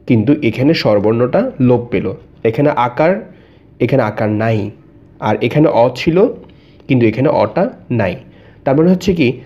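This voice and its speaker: A man's voice: medium pitch, mellow, muffled recording. A man teaching an exam-prep grammar lesson, explaining step by step, repeating each example and answering his own questions.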